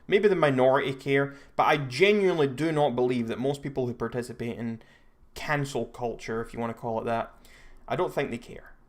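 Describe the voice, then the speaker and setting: This young Scottish livestream host talks casually and meanders, repeatedly restarting sentences and fixing his own words. His mid-range voice runs a little fast.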